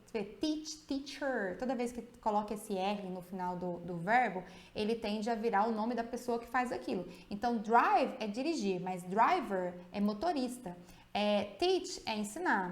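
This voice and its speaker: A woman's voice: on the high side, echoey room. A Brazilian woman teaching English grammar in a video lesson, explaining step by step and often checking in with tag questions. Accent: Brazilian Portuguese.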